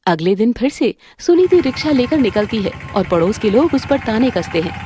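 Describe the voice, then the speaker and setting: A woman narrating a cartoon story in a steady, plain storytelling manner. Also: on the high side, moderate pace, a little hiss or hum.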